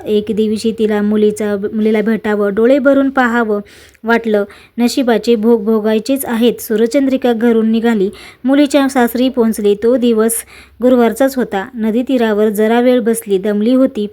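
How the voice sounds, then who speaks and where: Woman reading an old devotional tale, steady and measured, mellow highish voice. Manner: measured, storybook narration. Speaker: storyteller.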